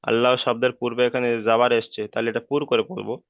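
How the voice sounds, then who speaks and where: A man's voice: medium pitch, level tone, no room sound. Patient male Quran teacher over thin call audio. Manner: patient, repetitive explaining, drawn-out chanted examples. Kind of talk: online Quran recitation lesson. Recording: dry, phone-like call audio.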